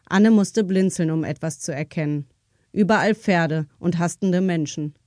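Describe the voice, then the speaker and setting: A woman narrates a crime novel as an audiobook, telling the scripted story in a measured, even manner. Her pitch is fairly low, and the recording is dry with clean studio sound.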